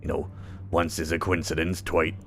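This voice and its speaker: A man's voice: sits low, flat delivery, normal speed, a bit bright, a little hiss or hum. A man running a tabletop game as game master, laid-back and hesitant, often laughing. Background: music.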